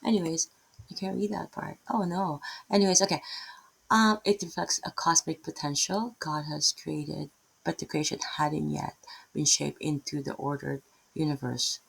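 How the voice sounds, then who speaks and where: Speaking at a moderate pace over a rough recording, this Bible teacher has a low, husky, gravelly voice and fairly even intonation. She's a middle-aged woman with a Filipino accent, teaching scripture off the cuff, drifting between points, cutting herself off and checking in with "right?" again and again.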